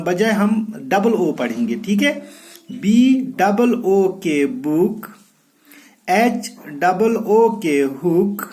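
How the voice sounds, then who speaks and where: A man gives a recorded phonics lesson for young children, spelling out each word letter by letter before saying it. His delivery is very slow and deliberate, and his voice is mellow and soft-edged. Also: high-pitched. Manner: spells words letter by letter and drills pronunciations for repetition; mixes explanation with short English phrases. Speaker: first-grade English teacher.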